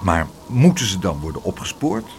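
A man voicing a gentle, earnest young boy who pleads reasonably. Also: low voice, huge pitch swings, moderate pace, vocal fry, a little hiss or hum, voice pushed down, heavily acted. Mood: pleading.

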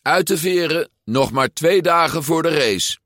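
Man doing energetic bossy girl, raised urging voice, lively, dry recording. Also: fairly high pitch, unhurried, no echo, pitched above the performer's own voice. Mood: rousing.

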